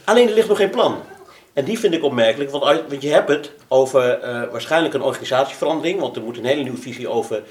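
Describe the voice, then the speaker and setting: A man asking questions as a council member in a formal meeting, halting and searching for words. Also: medium pitch, animated, roomy sound, a little hiss or hum.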